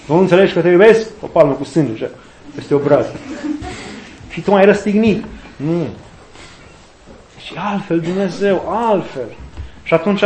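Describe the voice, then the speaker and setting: A man's voice: high-pitched, darkish tone. A man giving an informal sermon in a conversational way, acting out quoted voices with humor. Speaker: preacher. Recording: echoey room with faint noise.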